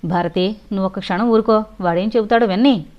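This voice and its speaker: A woman's voice: a little high, brisk, natural voice. Woman reading a stern male householder. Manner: stern, harsh. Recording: dull lo-fi recording.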